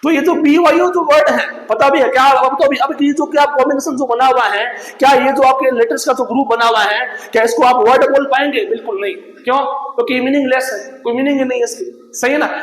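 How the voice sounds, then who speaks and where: A man with a very high-pitched voice and a fairly quick pace teaches English grammar in Hindi. He asks the class questions, gives the answers himself, and drills the key terms, all in an echoey room.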